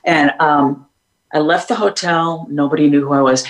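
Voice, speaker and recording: A woman's voice: deep voice, fairly even intonation, moderate pace, poor audio. A woman singer being interviewed, telling stories in a rambling way with many restarts and laughs. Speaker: singer guest. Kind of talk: casual interview storytelling.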